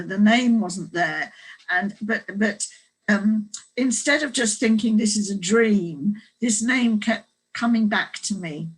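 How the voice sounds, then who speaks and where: Brief: guest author, woman, husky voice, mid pitch, reflective storyteller who restarts often. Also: rough recording. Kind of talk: casual panel discussion.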